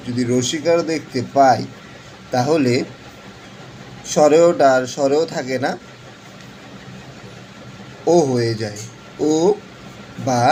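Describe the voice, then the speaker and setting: A man teaching pronunciation in an online lesson, slowly repeating his explanations with frequent fillers. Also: medium pitch, darkish tone, low-quality recording. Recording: faint background noise.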